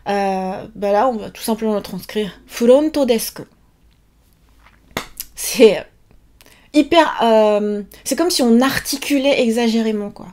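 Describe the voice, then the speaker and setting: A woman's voice: on the high side, measured pace, darkish tone. A woman teaching a casual vocabulary lesson, chatty and laughing often, drilling students with repeated questions. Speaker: Japanese language teacher.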